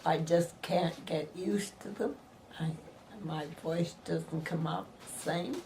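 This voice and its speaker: A woman's voice: low voice, steady tone, slow pace, warm tone, slight background noise. An older woman, a retired waitress, chatting casually at home in a plain-spoken way with a slight lisp. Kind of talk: casual chat. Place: living room at home.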